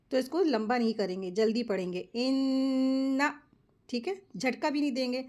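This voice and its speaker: A woman teaches Quran recitation step by step, explaining each rule quickly and then reciting words slowly as examples. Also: on the high side. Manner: slow, drawn-out model recitations between quick explanations. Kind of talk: step-by-step tajweed lesson.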